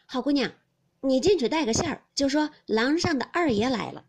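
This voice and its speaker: A woman's voice: high-pitched, lively intonation, fairly quick, a little mellow, voice pushed up. A woman voicing an eager young male servant who calls out helpfully, in a classic novel audiobook.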